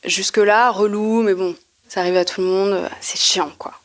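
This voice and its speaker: A woman's voice: medium pitch, moderate pace. A young woman telling a funny personal story at a live podcast recording, in casual slangy speech, acting out what she thought back then. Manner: lively and slangy, acts out her own past thoughts. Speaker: guest storyteller.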